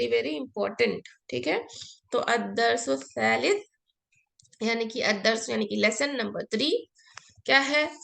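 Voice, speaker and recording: A woman's voice: a little high, vocal fry, fairly bright tone. A woman teaching an Arabic grammar class, explaining patiently step by step and mixing in English words. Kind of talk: online class lesson.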